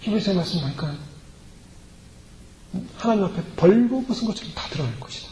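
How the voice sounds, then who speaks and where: A man's voice: sits high, animated, fairly quick, mellow, a little hiss or hum. A male pastor preaching a sermon emphatically, acting out prayers and quoted voices, recorded in a church sanctuary. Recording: echoey hall reverb, faint ambience.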